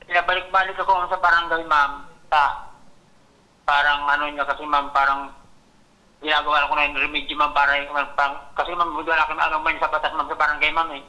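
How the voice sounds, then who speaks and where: Bicol man, fast, bright, tense voice, halting, "ma'am" every phrase, radio interview. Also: fairly high pitch, flat delivery, low-quality recording. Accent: Filipino, Bicol region. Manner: hesitant, halting, says "ma'am" after nearly every phrase. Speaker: complainant.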